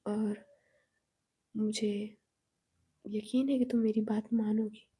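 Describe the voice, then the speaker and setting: A woman voicing a gentle, indulgent grandmother who talks in a soft, coaxing, reassuring way. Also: medium pitch, little pitch movement, slow, slightly rough, voice pushed down.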